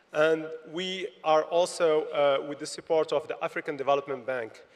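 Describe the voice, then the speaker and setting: Man presenting in an echoing hall. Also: on the high side. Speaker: panelist, tech founder. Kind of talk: conference presentation. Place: large conference hall. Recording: long hall reverb.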